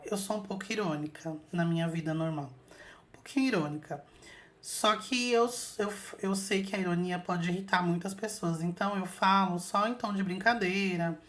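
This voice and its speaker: A woman hosting her own channel, chatting casually to viewers as she retells an experience with lots of fillers. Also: lowish voice. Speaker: channel host telling an astral projection story.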